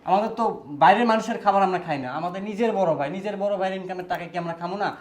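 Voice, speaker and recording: A man's voice: high voice, steady tone, rapid-fire, lightly acted. A man playing an earnest, pleading younger brother. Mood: protesting. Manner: pleading, protesting.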